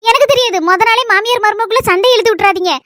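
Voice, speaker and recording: A woman's voice: extremely high pitch, rapid-fire, fairly bright tone, no echo, studio quality. A young woman acting a shy, tearful newly married wife in a comedy sketch, with a Kanyakumari Tamil accent.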